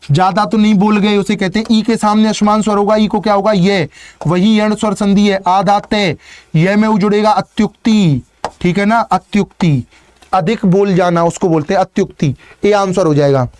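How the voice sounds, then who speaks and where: High-voiced male teacher with a lilt. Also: steady tone, moderate pace, a little mellow. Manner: repeats "ठीक है ना" and explains step by step; greets students by name and encourages them. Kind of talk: live online exam-prep class.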